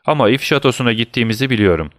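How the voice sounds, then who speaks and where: A man's voice: medium pitch, lively intonation, racing, fairly bright tone, dry recording, clean studio sound, lightly acted. A man voicing a mocking, threatening gendarme guard. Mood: curt.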